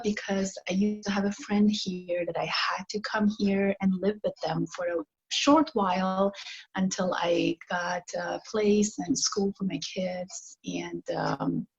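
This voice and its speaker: An Iranian nurse is interviewed over a video call, answering slowly and thoughtfully with pauses and filler words. Her voice is mid-range, and the audio sounds dull.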